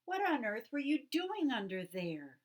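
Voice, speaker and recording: A woman voicing a gentle, calm grown male owl who is a kind father. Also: sits high, a little slow, voice pushed up.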